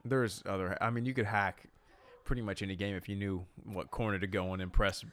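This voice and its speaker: A man's voice: fairly low pitch, fairly even intonation, a little fast, a bit bright. Rambling crude man in his thirties. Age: 30s. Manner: rambling, crude, joking, many restarts. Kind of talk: casual chat.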